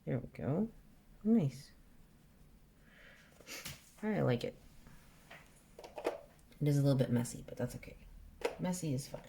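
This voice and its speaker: A creaky bass voice with a measured pace and long pauses comes over a little hiss or hum. It belongs to an art vlogger in her forties, relaxedly talking to herself about colors while she draws and trailing off mid-thought.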